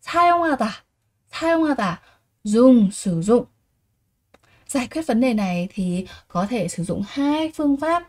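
A woman's voice: a little high, animated, measured pace, warm tone. A woman teaching a vocabulary lesson, repeating each word and asking her students rhetorical questions. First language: Vietnamese. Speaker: Korean language teacher.

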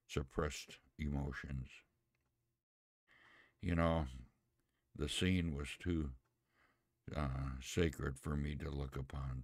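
Male podcast host, storyteller with casual asides; slow, dry delivery. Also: a bass voice, no echo. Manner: plain, unhurried reading with homely asides. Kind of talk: reading a story aloud with spoken asides.

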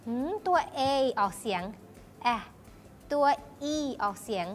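A woman hosting a children's lesson, explaining gently and politely to young learners. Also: medium pitch, very animated, slow pace, slight background noise. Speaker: host teacher.

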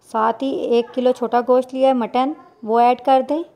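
A woman, talking viewers through a recipe step by step in a plain, unhurried voice-over. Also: sits high, level tone, dark tone. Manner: plain instructional, unhurried with small restarts. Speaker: cooking channel host.

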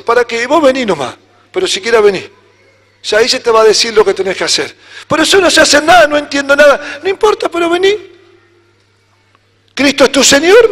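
A man with an Argentine Spanish accent preaching a sermon as pastor, animated, acting out little dialogues. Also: extremely high pitch. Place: church hall. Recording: church hall reverb.

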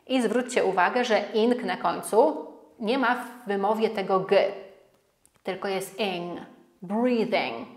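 A young woman teaching a language lesson, explaining phrases and repeating them slowly and carefully for students to copy. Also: mid-range voice, reverberant. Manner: slow, careful model pronunciation repeated for students. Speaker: English teacher.

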